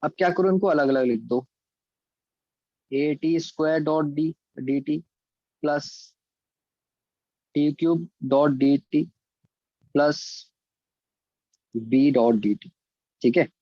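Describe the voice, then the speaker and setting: A man with an Indian accent, a physics and maths teacher, takes it slowly and pauses often while explaining calculus step by step in an online class. His voice is fairly high, and he mixes English terms into his Hindi while checking in with students by name. The recording has no room sound, and the highs are cut off.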